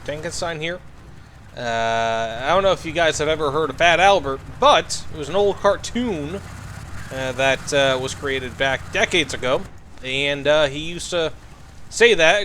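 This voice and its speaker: Chatty gamer guy doing tank match commentary, high bright voice, bit of faint noise behind. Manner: excited, chatty, lots of fillers. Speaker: gaming commentator. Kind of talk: gameplay commentary with tips.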